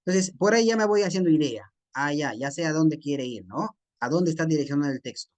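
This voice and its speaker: A man with a Peruvian Spanish accent teaching a class, explaining a text slowly and checking in with his students. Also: fairly high pitch, lively intonation, a little mellow. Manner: slow, repetitive teacher talk with frequent tag questions.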